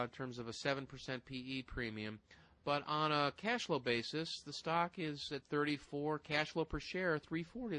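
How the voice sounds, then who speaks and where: Brisk, folksy man talking stock picks. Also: a little high, fairly bright tone, no echo, low-quality recording. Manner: brisk, folksy, numbers-heavy, addresses listeners directly. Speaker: stock-picking co-host. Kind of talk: casual financial talk show banter.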